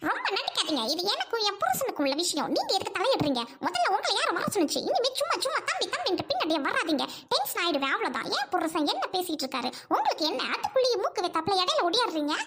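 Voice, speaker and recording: A woman acting a sharp-tongued, quarrelsome young bride in a Tamil audio drama, scolding her husband and his family. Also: very high-pitched, huge pitch swings, quick pace, hardly any pauses, very noisy, exaggerated voice. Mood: defiant.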